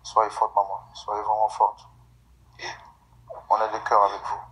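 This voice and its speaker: An actress playing a mourner who keeps gently repeating condolences and urging a grieving mother to be strong. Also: rumbling low, completely flat delivery, a little slow, low-quality recording. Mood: consoling. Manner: soothing, repetitive, gently insistent.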